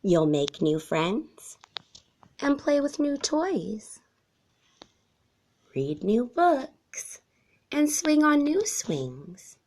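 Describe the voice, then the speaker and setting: A woman voicing a tender, reassuring mother raccoon in a children's storybook, coaxing and unhurried. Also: fairly high pitch, sing-song, darkish tone, pitched above the performer's own voice, heavily acted. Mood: reassuring, gentle.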